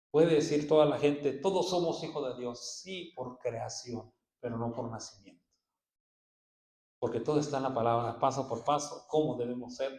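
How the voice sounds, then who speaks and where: Preacher in an echoey church. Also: male voice. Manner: swings from low murmurs to loud bursts of praise. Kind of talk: sermon. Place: church hall.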